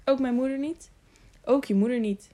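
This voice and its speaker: A woman voicing a hurried, secretive young rider who gives brief replies. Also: sits high, dark tone, voice pushed up, lightly acted.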